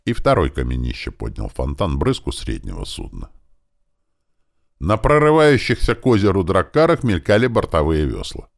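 A man narrating an audiobook in a lively way, raising his voice for the characters' battle commands. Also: low voice, moderate pace, gravelly.

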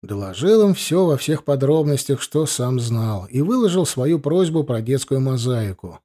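A young man calmly narrating a first-person audiobook in a conversational storytelling manner. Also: mid-range voice, moderate pace.

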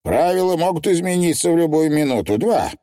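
A commanding old witch from a storybook, setting her terms slowly and deliberately, her voice lifted a little above the reader's own, as a man puts her on. The tone stays dark and mellow, with a lively rise and fall. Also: a little high, voice pushed up, close to an everyday voice. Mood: stern. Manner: slow, deliberate, measured speech. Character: stern old witch woman, calm and commanding.

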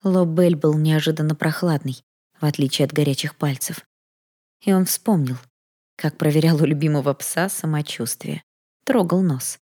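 A woman reads a novel aloud in an even, storytelling manner. Her voice sits low for a woman, and the narration is steady and scripted. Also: normal speed, slightly rough. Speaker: audiobook narrator.

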